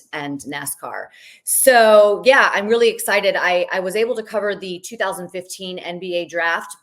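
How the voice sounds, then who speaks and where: A woman sports broadcaster as a podcast guest, talking in a friendly, conversational way. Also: fairly low pitch. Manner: friendly, conversational, laughs easily. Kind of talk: casual podcast interview.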